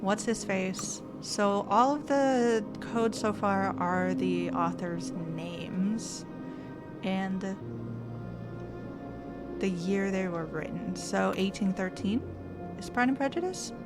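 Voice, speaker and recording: A woman streamer with a medium-pitched voice speaks slowly, casually thinking aloud as she plays a game and reads on-screen text. It's relaxed let's-play commentary with game music behind it.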